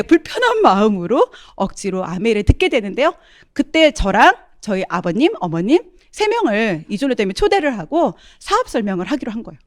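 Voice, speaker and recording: A woman's voice: high voice, no room sound, studio quality. A middle-aged woman giving a testimonial talk, often turning to address her audience as she tells her story.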